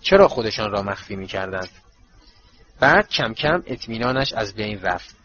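A man reading a story aloud as audiobook narrator, in a steady storytelling manner. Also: on the low side, lo-fi sound. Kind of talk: scripted narration.

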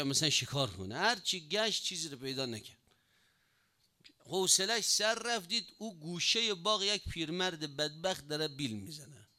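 A man preaching a sermon, telling a story with emphatic, drawn-out lines. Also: fairly high pitch, bright, forceful tone.

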